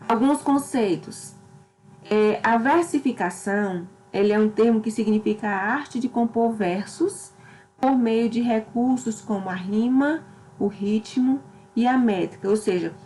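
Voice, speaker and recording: A woman teaching a literature lesson in a slightly raised voice. She talks slowly and patiently, checking in often with "certo?". A faint background noise sits under the recording. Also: a little high, a little mellow, poor audio.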